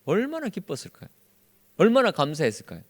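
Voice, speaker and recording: Man preaching, fairly high voice, very lively swooping pitch, quizzing the congregation with questions. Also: a little fast. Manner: acts out quoted speech in lively voices. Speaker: pastor. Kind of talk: Bible study sermon.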